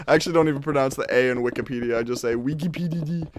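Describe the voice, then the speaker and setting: A man's voice: medium pitch, steady tone, very fast, a little hiss or hum. A young man streaming a game, chatting casually, reading chat aloud and laughing often. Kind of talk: casual live-stream chat while gaming.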